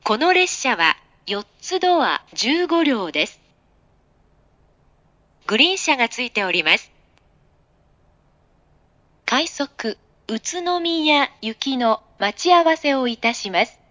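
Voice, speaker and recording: A woman's voice: high voice, very animated, pushed and bright, muffled recording. A woman giving a recorded, polite train platform announcement, phrase by phrase. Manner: polite, phrase-by-phrase delivery with pauses. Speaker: station announcer.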